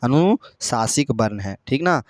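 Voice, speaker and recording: A man's voice: mid-range voice, animated, slow, no echo. A male teacher giving a grammar lesson, repeatedly asking and answering his own questions while coaxing students with pet names. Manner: repetitive call-and-response questioning.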